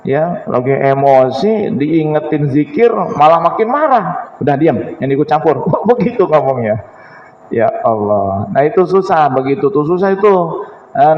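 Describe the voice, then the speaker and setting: A man's voice: fairly high pitch, slight background noise. A man giving a casual, joking sermon to a mosque congregation. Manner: chatty, jokes with the congregation, laughs. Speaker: preacher. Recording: echoey hall, dull lo-fi sound.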